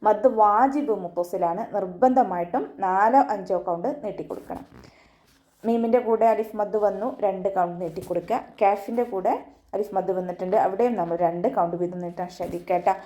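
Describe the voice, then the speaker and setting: A woman teaching Quran recitation online, explaining each rule patiently step by step and then chanting the verse words slowly. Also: mid-range voice. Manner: patient step-by-step explanation, often ending with a soft "tto". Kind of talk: online tajweed lesson.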